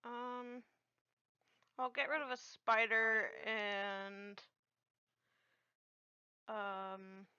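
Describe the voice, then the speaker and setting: A woman's voice: on the high side, flat delivery, drawn-out words, long pauses, bright, forceful tone, smooth, no echo, muffled recording. A woman streaming a card game in casual chat, hesitant with many ums and the odd swear word.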